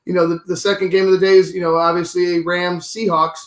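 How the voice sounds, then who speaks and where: A man's voice: high voice, level tone, fairly quick, reverberant. A hungover man with a slight headache hosting a casual sports podcast.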